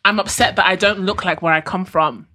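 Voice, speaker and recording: A woman's voice: lowish voice, steady tone, a little fast, sharp tone. A woman from Rwanda co-hosting a podcast in casual chat, laughing and arguing her point emphatically with repeats. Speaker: podcast co-host.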